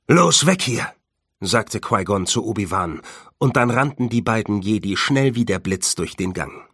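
A man reading a children's storybook aloud with calm, steady narration. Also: fairly low pitch, dry recording, clean studio sound.

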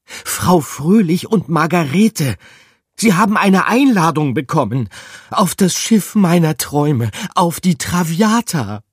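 A man puts on a high, squeaky storybook rat lady, out of breath and bursting with news, her voice climbing and cracking as she rushes on. The sound is close and dry, with no room around it. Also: very animated, a little mellow, husky, no echo, heavily acted. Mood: excited.

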